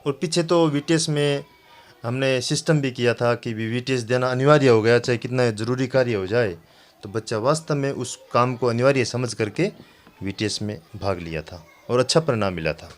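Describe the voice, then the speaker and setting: Male teacher, mid pitch; earnest, explanatory, formal phrasing. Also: normal speed. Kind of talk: explaining a school system.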